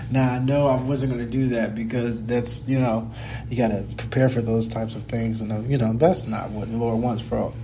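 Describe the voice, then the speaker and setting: A man's voice: mid-range voice, warm tone, a little hiss or hum. A young adult man from the United States with a slight cold, hosting his own podcast in a casual, earnest way, rambling and correcting himself as he talks. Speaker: podcast host. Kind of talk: casual personal talk.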